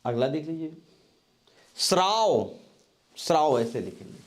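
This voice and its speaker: A man teaching spelling for exam preparation, slowly repeating each word several times as he writes it out. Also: on the high side, very animated. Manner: dictation-like drilling of correct spellings. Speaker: Hindi grammar teacher. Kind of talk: exam-prep board lesson.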